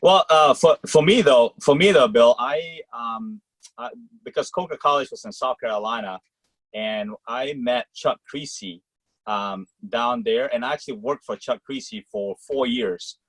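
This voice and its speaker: A man's voice: mid-range voice, no echo, low-quality recording. A man from Malaysia, a college tennis coach, answering interview questions casually with lots of fillers over a video call. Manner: talks in quick rambling clauses with many fillers.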